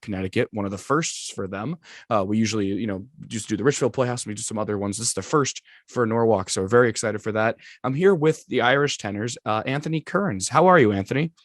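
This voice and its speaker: Male podcast host, mid-pitched, eager and talkative, dry close recording. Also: no echo. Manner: upbeat, rambling, many fillers. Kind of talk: podcast interview. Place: small studio room.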